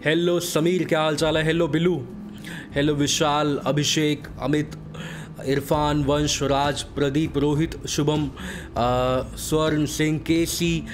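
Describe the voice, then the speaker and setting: Hoarse streamer dude, slightly high voice, chill jokey hellos to chat. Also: male voice, level tone, slow pace, noisy background. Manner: greets viewers by name in a breezy, joking way. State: hoarse from a sore throat. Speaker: game streamer. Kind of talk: casual live-stream chat with viewers.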